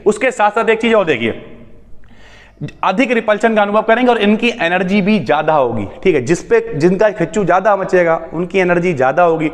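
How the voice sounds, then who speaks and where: एक आदमी chemistry teacher, जो हल्के-फुल्के मज़ाकिया अंदाज़ में छात्रों को "भाई" कहकर समझाता है।. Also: male voice, high voice, a little fast. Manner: chatty, jokey, calls students brother. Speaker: chemistry teacher. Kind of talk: casual explaining lecture. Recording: long hall reverb.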